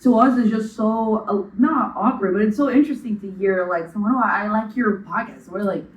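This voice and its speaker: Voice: medium pitch, brisk. Young brazilian co-host just rambling along thoughtfully, lots of "like", roomy echo, mic far off. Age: young adult. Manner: reflective, talks at length with many "like" fillers. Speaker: podcast co-host. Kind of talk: casual chat. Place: room in a school building. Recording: echoey room, distant mic.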